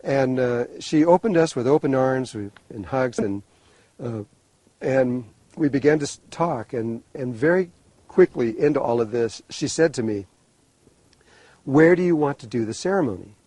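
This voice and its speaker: A man recounts a long personal story, rambling and animated, restarting his sentences as he goes. His voice is husky and mellow, at an ordinary pitch. The sound is dry and close. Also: moderate pace, dry recording, low-quality recording. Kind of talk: storytelling talk.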